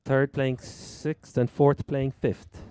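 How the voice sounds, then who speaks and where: A man's voice: medium pitch, flat delivery, slow, darkish tone, clear, resonant tone, no echo. A man with a Cork Irish accent hosting a casual chat about sport. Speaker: fantasy football podcast host.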